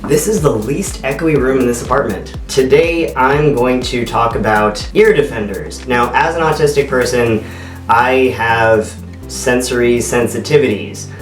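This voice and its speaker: A man's voice: medium pitch, unhurried, faint music behind. A man chatting casually as a channel host reviewing products, his voice echoing around a bare new apartment room. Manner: chatty, easygoing, sometimes digresses. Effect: big echoey room sound. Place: echoey, sparsely furnished room in a new apartment. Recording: roomy echo, mic at a distance.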